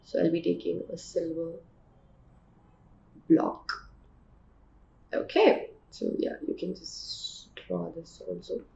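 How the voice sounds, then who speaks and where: Speaking slowly with long pauses, this chemistry teacher has a warm, lowish voice with big pitch swings and some vocal fry. She has an Indian accent and runs an exam revision lesson, asking questions and then answering them herself, recorded in an echoey room with slightly dull sound.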